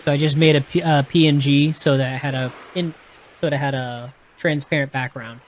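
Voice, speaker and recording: With a medium-pitched, steady voice that moves a little fast, a Texan man reads a gamebook aloud over slight background noise. He chats casually with a live audience about the rules, explaining them and often restarting or correcting himself.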